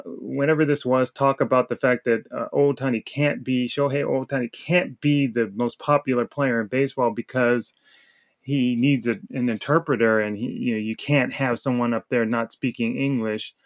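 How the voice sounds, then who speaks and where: A man co-hosting a sports talk show, delivering an emphatic opinion rant with repeated words and short laughs. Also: mid-range voice. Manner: emphatic, repeats words while searching, laughs between points. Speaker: podcast co-host.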